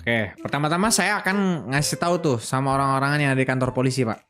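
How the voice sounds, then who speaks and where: A man's voice: mid-range voice, fast, a bit bright. A man playing a police officer in a game roleplay, answering questions in a formal, deferential manner. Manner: formal, deferential, addressing her as ma'am. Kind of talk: in-character roleplay chat. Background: background music.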